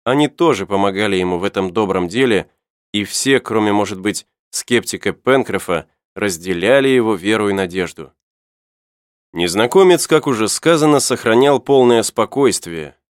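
A man narrating an adventure novel as an audiobook in an even, clear storytelling manner. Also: fairly low pitch, normal speed, no room sound, clean studio sound.

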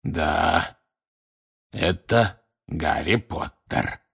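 A man voicing a grim, scarred old wizard in a storybook reading, slow, hoarse and gloomy. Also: low voice, steady tone.

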